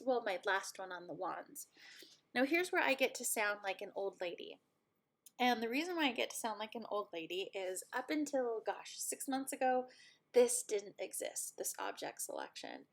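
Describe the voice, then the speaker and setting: A woman with a slightly high voice walks students through a software exercise on screen. She talks casually, teasing herself about the results. She keeps her students relaxed and encouraged as she goes. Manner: casual, self-deprecating, encouraging. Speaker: teacher. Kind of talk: screen-recorded software tutorial.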